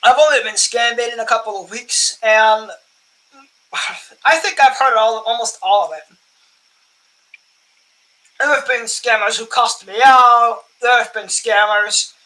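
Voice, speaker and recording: Sorting coins on his collecting channel, a young man chats in a loose, rambling, unhurried way with long pauses. His bright, forceful voice is higher than most men's, and he often clears his throat and chuckles at himself. The recording quality is low.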